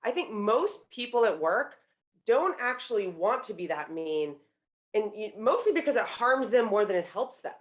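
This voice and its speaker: A woman's voice: mid-range voice, very animated, moderate pace. A woman in her thirties, a professor and author appearing as a guest, explaining her points fluently and confidently. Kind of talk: interview answers.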